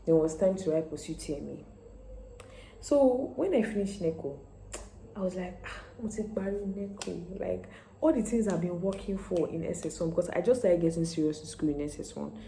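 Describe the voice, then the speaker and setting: A Nigerian woman in her twenties telling a story in a casual vlog, animated and quick to laugh, acting out the people in it. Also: fairly low pitch, echoey room, a little hiss or hum, low-quality recording. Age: 20s. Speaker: medical student vlogger.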